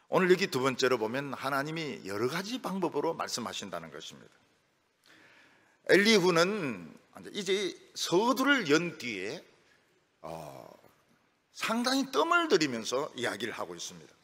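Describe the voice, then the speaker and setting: A middle-aged male pastor preaching a sermon in a lively, storytelling way, acting out the voices of people he quotes. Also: on the high side. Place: church sanctuary. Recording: long reverb of a church hall.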